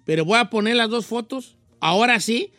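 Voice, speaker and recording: Bright high-voiced Mexican radio host. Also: male voice, no room sound. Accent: Mexican (Guadalajara). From Guadalajara, Mexico. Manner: teasing, playful, quick to joke. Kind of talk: joking radio talk show banter.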